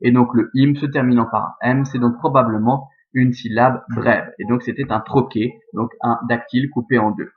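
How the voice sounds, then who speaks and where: Belgian-accented male Latin teacher, measured and methodical, mid-pitched, thin phone-like sound. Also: steady tone. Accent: Belgian French. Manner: methodical, counts aloud, corrects himself with "pardon". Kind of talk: explaining verse scansion step by step. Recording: phone-like narrow band.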